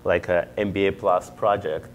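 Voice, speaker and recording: A young man speaks in a very deep, low voice. He answers interview questions earnestly and explains things step by step, pausing now and then on fillers. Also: flat delivery, a little hiss or hum. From Israel. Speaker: MBA student and startup founder.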